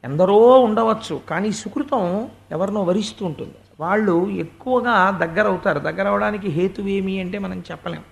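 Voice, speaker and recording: A man's voice: sits high, normal speed, gravelly. A man giving a devotional sermon and telling a story in an emphatic way, stretching words for emphasis. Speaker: religious discourse speaker.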